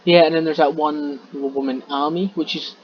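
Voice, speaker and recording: A co-host in a casual film review chat, relaxed and agreeable, often trailing off mid-sentence. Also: medium pitch, a little fast. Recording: dull lo-fi audio with faint background noise.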